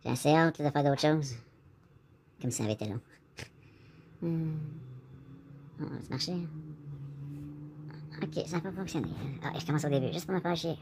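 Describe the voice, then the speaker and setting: A man with a Québécois French accent and a slightly high voice rambles through a casual vlog monologue at a normal pace, taking long pauses. He talks straight to the viewer, meandering and leaning often on the filler "là." There's noise in the background.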